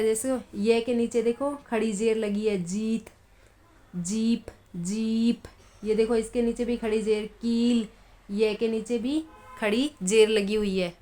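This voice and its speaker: A woman's voice: on the high side, darkish tone. A woman teaching a lesson, reading example words one at a time and explaining patiently. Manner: patient, repeats examples slowly, then explains quickly. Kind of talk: Urdu phonetics lesson.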